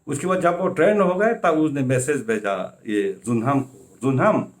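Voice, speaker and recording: A man's voice: mid-range voice, animated, normal speed. A man narrating a folk tale in a loose conversational way, full of filler phrases. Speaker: storyteller. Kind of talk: casual oral storytelling.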